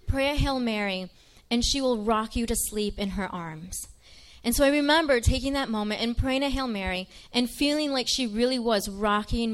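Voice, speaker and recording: A young woman from Michigan giving an earnest, chatty personal faith testimony to an audience, with frequent ums. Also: fairly high pitch.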